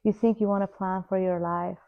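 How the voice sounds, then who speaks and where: A woman in her forties from Iran tells her life story in a slow, reflective, heartfelt way. Her voice sits at a middle pitch. The recording sounds a little dull and lo-fi. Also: steady tone. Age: 40s. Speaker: vlogger. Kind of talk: personal life story told to camera.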